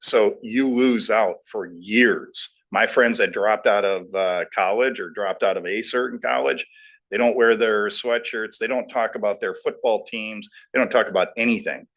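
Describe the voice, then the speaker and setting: A man's voice: fairly low pitch, moderate pace, fairly bright tone. A middle-aged man on a board sharing folksy, anecdotal points with emphasis during a meeting discussion. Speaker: board trustee.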